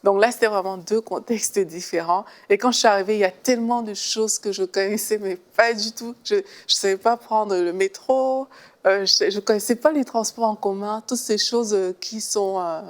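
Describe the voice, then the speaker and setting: A woman's voice: mid-range voice, normal speed. Woman from Cameroon praising God. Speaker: co-host.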